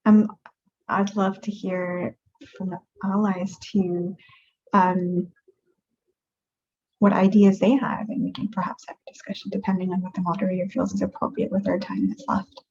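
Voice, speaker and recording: A woman's voice: medium pitch, little pitch movement, normal speed, darkish tone. A woman making her case on an online panel, earnest and casual, with plenty of fillers and restarts. Her voice comes through a dull, lo-fi video call line.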